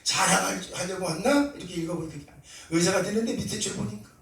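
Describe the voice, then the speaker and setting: A male pastor preaching a sermon, telling a story and acting out prayers and dialogue, sometimes rising to loud, fervent cries. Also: high voice, brisk. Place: church sanctuary. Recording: echoey church hall, mic at a distance.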